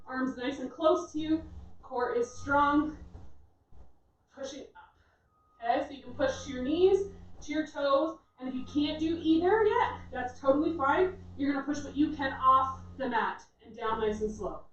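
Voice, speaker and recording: A woman's voice: sits high, measured pace. A woman fitness instructor giving workout instructions in an encouraging, reassuring way. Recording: echoey room, distant dull mic, faint noise.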